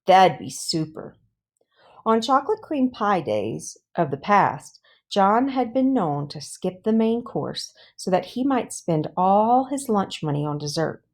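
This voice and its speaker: A woman with a mid-range voice reads a children's book aloud for an audiobook, phrasing it deliberately and expressively for young listeners.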